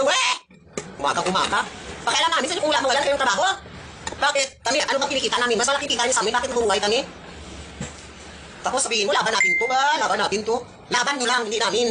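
A woman ranting angrily at celebrities, sarcastic and scolding. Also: a little high. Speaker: netizen ranting on video. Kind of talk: angry rant. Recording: noisy background.

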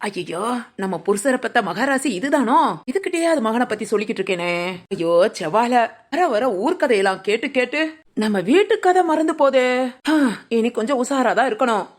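A woman's voice: a little high, lively intonation, normal speed. A woman voicing a cheeky, lazy young village daughter-in-law in a cartoon, teasing and talking back. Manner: sly, teasing, talks back. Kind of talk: cartoon voice acting.

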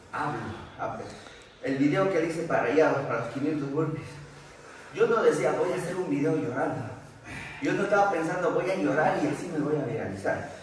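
A man giving an emphatic motivational talk to a group during a workout, often repeating his questions. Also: a little high. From Peru. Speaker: motivational coach. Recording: echoey room, far from mic, faint noise.

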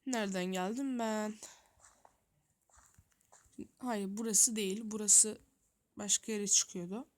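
Talking slowly in a steady, mid-range voice with long pauses, a woman who runs a gaming YouTube channel comments on her play as it happens. She reasons out loud, talks straight to viewers, and grumbles to herself in a flustered manner.

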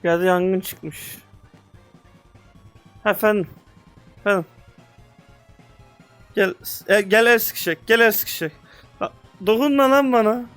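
A young man giving casual, excitable commentary on a VR game, slangy, with loud outbursts, sometimes speaking English. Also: high voice, takes it slowly, pauses often, clear, resonant tone, soft background music. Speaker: gaming youtuber.

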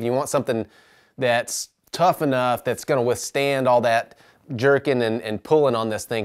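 A bowyer casually walks through his large indoor workshop, which has plywood walls, explaining his tools. His mid-range voice is smooth and dry, captured in a dry recording. He sounds relaxed and practical, says "uh" a lot, and lets his thoughts trail off quietly.

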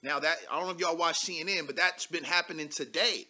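A man in his thirties hosting a live political call-in show from a studio desk, talking loud and animated with casual slang and cursing. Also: fairly high pitch, fast talker. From United States. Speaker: talk show host.

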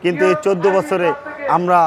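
A man speaking for a group of protesters, delivering a formal statement in short, measured phrases. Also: sits high, level tone. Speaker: protest spokesman. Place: outdoors at a street protest. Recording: outdoor recording with crowd noise. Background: crowd noise.

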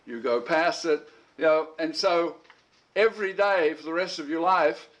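At a moderate pace and with a fairly bright tone, a middle-aged man whose voice runs higher than most men's teaches a casual Bible school class. He wanders conversationally, restarting sentences with repeated words, and occasionally clears his throat between thoughts.

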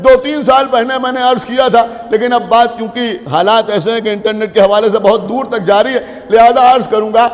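A male cleric with a Lucknow Urdu accent, delivering an impassioned sermon to a gathering, repeating phrases and shouting rhetorical questions. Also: very high voice, fairly even intonation, a little fast, few pauses. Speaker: Shia cleric giving a majlis. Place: religious gathering hall. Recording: long reverb of a large hall.

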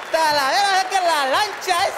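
A man's voice: extremely high pitch, moderate pace, a crowd in the background, noisy background, pitched above the performer's own voice. A man voicing a sweaty coastal Mexican man with an exaggerated coastal Guerrero accent who slurs and swallows his sounds. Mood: exasperated. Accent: coastal Guerrero Mexican Spanish, exaggerated. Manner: loud, slurred, swallowing sounds. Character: sweaty coastal man, slurred lazy talk.

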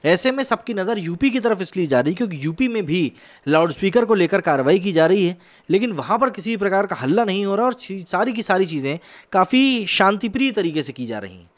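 A man in his thirties from India hosts a news explainer, his high voice sing-song and brisk. The commentary is part conversational, part scripted narration, recorded close on a desk microphone mounted on a boom arm in a studio.

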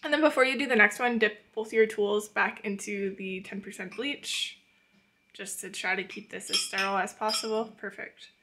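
A woman's voice: mid-range voice, steady tone, moderate pace, bright, forceful tone, a little hiss or hum. A young woman hosting a how-to video, giving friendly, patient step-by-step instructions with small laughs. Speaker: channel host teaching plant tissue culture. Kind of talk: casual instructional voice-over and live coaching.

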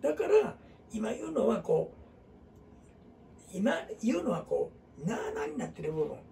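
A man's voice: high voice, sing-song, normal speed, gravelly, dark tone, far from the mic, slight background noise. A middle-aged man with a Kansai accent, teaching a group in a rambling, casual way full of fillers and asides. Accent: Kansai Japanese. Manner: rambling, talks in dialect with many fillers and asides. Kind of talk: casual classroom talk.

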